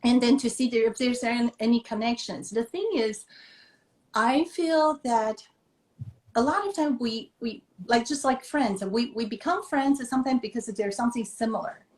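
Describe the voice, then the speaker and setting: This guest is a Taiwanese-born children's author being interviewed conversationally on a live video stream, her voice fairly high and her speed normal. Earnest and thoughtful, she uses many fillers and phrasing that is slightly non-native. The sound carries the echo of her room, transmitted over a video call.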